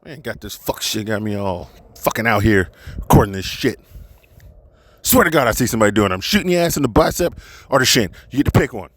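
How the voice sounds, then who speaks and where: A man's voice: fairly low pitch, animated, fast talker, a bit bright. A man delivering a crude, comedic rant full of swearing. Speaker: segment ranter.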